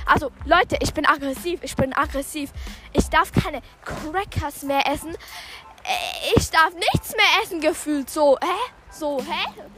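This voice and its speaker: Young female podcast host, high-pitched, speaking while out jogging; informal, halting, self-correcting delivery over background music. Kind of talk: casual spoken podcast monologue.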